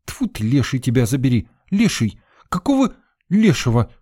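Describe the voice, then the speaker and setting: A male reader voicing a bossy, quick-tempered young female student who scolds in a shrill, exasperated way. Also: big pitch swings, darkish tone. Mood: scolding.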